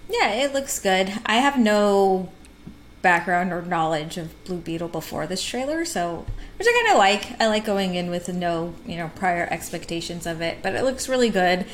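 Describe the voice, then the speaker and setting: A woman co-hosting a film podcast in casual chat, upbeat and quick to laugh. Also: on the low side, animated, slight background noise. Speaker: podcast co-host.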